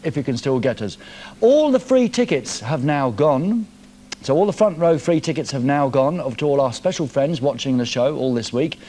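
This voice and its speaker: A man's voice: mid-range voice, lively intonation, normal speed, dark tone. A man hosting a live television music show from a studio, reading viewer messages in a jokey, teasing, playful way.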